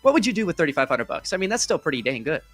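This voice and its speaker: This esports broadcast host and caster is a man with a fairly high, slightly bright voice that swings widely in pitch, and he talks very fast. His live desk chat is casual and rambling, full of jokes, self-deprecation, and enthusiasm, with faint music playing behind him.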